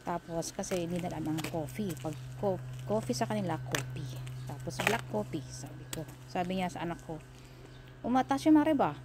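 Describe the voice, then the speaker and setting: A woman's voice: fairly low pitch, fairly quick, heavy background noise. A woman telling a casual vlog story. She laughs at herself and repeats words to show how they are pronounced. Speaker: vlogger. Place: living in Korea.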